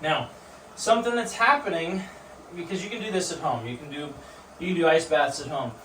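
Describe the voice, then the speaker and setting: Sitting in ice cold water in his home bathtub, a man vlogger demonstrates ice baths, talking casually and instructively to the camera. His voice is fairly high, a little fast and sharp. He is far from the mic in an echoey bathroom with water noise.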